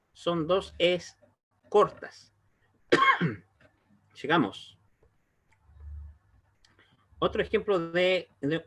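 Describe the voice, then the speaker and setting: A Hebrew teacher with a slightly high-pitched, a bit bright voice gives an online language lesson. He explains slowly and patiently, repeatedly pausing to check that his students are following.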